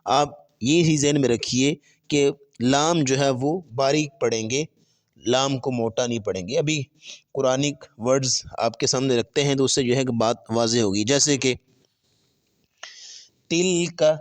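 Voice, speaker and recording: A man teaching Quran pronunciation, explaining step by step and stretching letters slowly in drills, with English terms mixed in. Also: medium pitch. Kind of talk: tajweed lesson with spoken drills.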